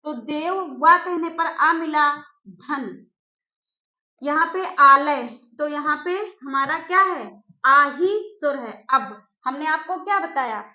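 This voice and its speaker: A woman teacher giving an exam-prep grammar lesson, slowly repeating key phrases and putting questions to her students. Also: high-pitched, pushed and bright. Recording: echoey room, dull lo-fi sound.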